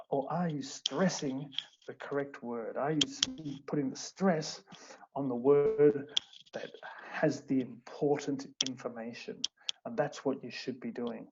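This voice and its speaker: A man, an English teacher explaining things in an online seminar, with many fillers and restarts. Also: medium pitch. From Australia. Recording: muffled online stream with background noise.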